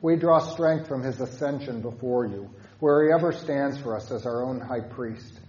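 A man leading congregational prayer as a pastor, solemnly, in measured phrases with pauses. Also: mid-range voice, darkish tone, dull audio.

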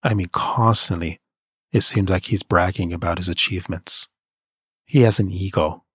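A man from Canada, giving creative career advice in an earnest, measured motivational monologue. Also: deep voice, fairly even intonation, a bit bright, husky, no room sound, studio quality.

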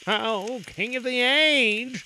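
A man's voice: very high voice, takes it slowly, sharp tone, a little hiss or hum, voice pushed up, exaggerated voice. A man voicing a grave, envious old royal minister who speaks in solemn warnings.

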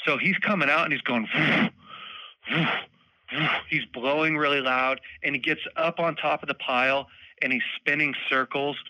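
Male guest, casual storyteller, bright forceful tone, dry close sound. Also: fairly high pitch, a little fast, dry recording, rough recording. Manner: animated, laughs often, acts out moments. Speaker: podcast guest, bowhunter.

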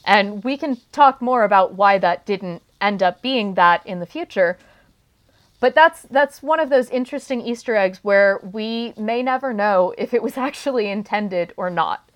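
A woman's voice: mid-range voice, expressive, moderate pace. A woman co-hosting a podcast, chatting casually and laughing now and then as she talks. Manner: chatty, laughs while talking. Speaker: podcast co-host.

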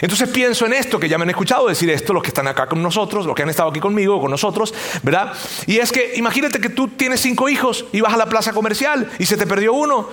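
A middle-aged man preaches a sermon in a chatty, animated way, his voice sitting notably high for a man. He often slips into the voices of the people in his examples. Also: fast. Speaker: pastor.

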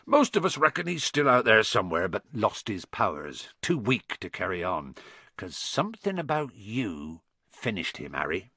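A man voicing a huge, kindly, bearded giant who talks roughly with dropped grammar, read as an audiobook character. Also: on the low side, sing-song, normal speed, pushed and bright, no room sound, full character voice. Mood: musing.

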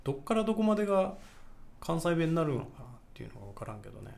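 Guy cohosting a chatty podcast, lively up-and-down voice, keeps cracking up. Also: on the high side, racing, creaky. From not from Kansai. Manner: laughs often, animated storytelling. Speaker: podcast co-host. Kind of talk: casual chat.

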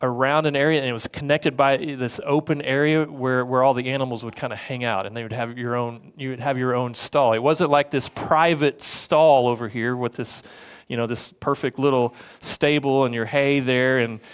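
A man preaching a sermon from the pulpit, earnest and conversational. His voice sits at an ordinary middle pitch for a man, and his phrasing circles back on repeated words as he builds a point. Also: fairly even intonation, normal speed, clear, resonant tone. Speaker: lead pastor.

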